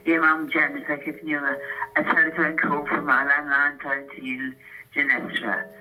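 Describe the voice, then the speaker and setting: A woman's voice: deep voice, bright, forceful tone, rough recording. An older woman, tired, leaving formal, repetitive voicemail messages that are played back over a landline phone, announcing herself each time.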